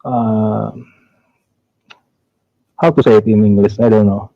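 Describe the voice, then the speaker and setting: A man's voice: lowish voice, fairly even intonation, slow pace, creaky, dry recording. A man from Indonesia, calling in to a live show and speaking hesitantly and defensively, sometimes searching for English words. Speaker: caller. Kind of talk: phone-in conversation. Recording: muffled phone line.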